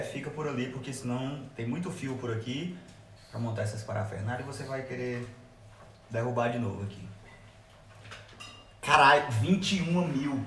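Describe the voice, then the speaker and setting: Brazilian man, live-stream host, casual excitable chat, home computer setup, roomy echo. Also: mid-range voice, slight background noise. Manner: chatty and excitable. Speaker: livestream host.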